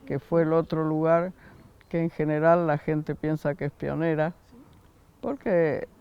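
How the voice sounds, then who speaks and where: An older man from Argentina with an Argentine accent, unhurried in the interview and often laughing softly. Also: on the high side, steady tone, creaky, clear, resonant tone, dull audio. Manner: unhurried, with frequent soft laughs. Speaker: interviewee, founder of a school. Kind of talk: reflective interview answers.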